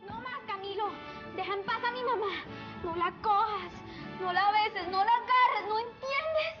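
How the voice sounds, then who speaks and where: Very high-pitched jealous teenage daughter. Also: female voice, unhurried. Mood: furious, jealous. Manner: heated, insistent outbursts in short bursts. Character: jealous, furious teenage daughter, defiant and demanding. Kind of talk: melodramatic soap opera acting. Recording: dull sound with music behind.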